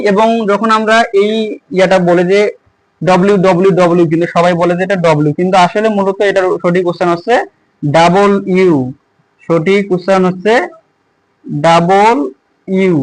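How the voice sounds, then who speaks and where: High-voiced man teaching English letters. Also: dry recording, rough recording. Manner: halting, repeats words while writing on a board. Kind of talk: spoken language lesson.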